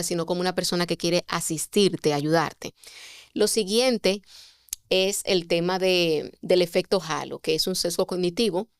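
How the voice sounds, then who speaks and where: Woman mentor, smooth and dry. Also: on the low side, dry recording. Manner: expressive, poses rhetorical questions. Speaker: communication mentor. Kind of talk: podcast guest explaining.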